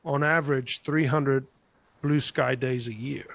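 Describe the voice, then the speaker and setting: Gravelly older man telling stories. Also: mid-range voice, a little slow. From England, raised in Spain. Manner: animated, rambling with restarts. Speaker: guest artist. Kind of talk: conversational interview storytelling. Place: home room, indoors. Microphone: large podcast mic on a video call, headphones.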